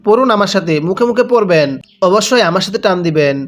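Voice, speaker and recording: A man with a notably high voice leads a Quran reading lesson. He spells out each letter and vowel, stretches the long syllables, and keeps telling the learner to read along with him. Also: animated, soft background music. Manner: slow, drawn-out syllables with repeated prompts to read along.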